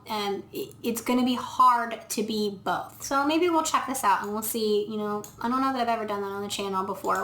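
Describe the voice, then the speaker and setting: With a voice that's a little high and a bit bright, this woman veterinarian films herself indoors for a casual dog food review. She talks it through step by step, thinking aloud with frequent ums. The camera mic captures an echoey room.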